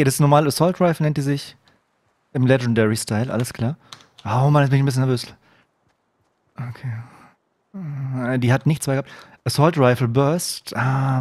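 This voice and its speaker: A man streaming a game live, chatting to viewers and breaking into excited shouts, dropping to a hushed mutter when he sneaks. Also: mid-range voice, no echo. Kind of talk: live gameplay commentary. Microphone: desk microphone.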